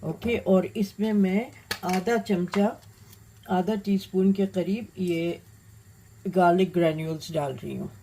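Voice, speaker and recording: A woman hosting a cooking demonstration, talking unhurriedly while she cooks, with many pauses and fillers. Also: lowish voice, mellow, slight background noise, rough recording. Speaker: cooking channel host.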